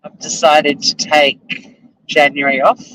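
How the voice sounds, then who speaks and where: A middle-aged Australian man, a vlogger and lawyer, chats casually to camera while driving his car, rambling, self-deprecating and swearing offhandedly. His fairly high voice is flat, slow and sharp-toned. The audio is poor, with slight background noise.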